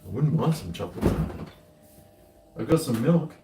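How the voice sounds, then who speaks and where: A man's voice: mid-range voice, expressive, moderate pace. A man with a broad New Zealand accent chatting casually to viewers, rambling and thinking aloud in a laid-back way. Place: indoors, home kitchen. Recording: echoey room, distant mic, faint noise.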